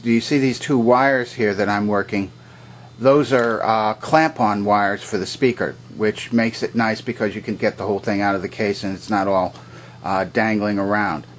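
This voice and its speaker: A faint hiss or hum accompanies a man's lowish voice as he gives an unscripted vintage electronics demonstration. He's methodical and plainly instructional, explaining things one step at a time.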